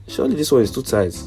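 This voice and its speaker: A man's voice: medium pitch, dark tone. A young man, giving casual comedic voice-over commentary in playful roadman slang.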